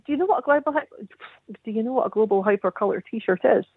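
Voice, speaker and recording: Heard over the phone, this radio caller has a husky, expressive voice on the high side and talks fast. She chats casually and explains things at rambling length, and the tinny, dry line carries no room sound.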